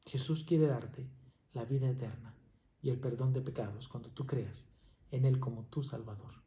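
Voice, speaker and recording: A man preaching a slow, earnest devotional sermon and leading a prayer. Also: mid-range voice, steady tone, warm tone. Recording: echoey room with faint noise.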